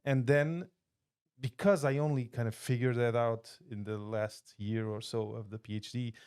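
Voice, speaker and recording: A man's voice: medium pitch, fairly even intonation, normal speed, a little mellow, clear, resonant tone. Thoughtful man from Portugal, podcast guest. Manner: thoughtful, many restarts and fillers. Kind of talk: casual interview chat. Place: podcast studio.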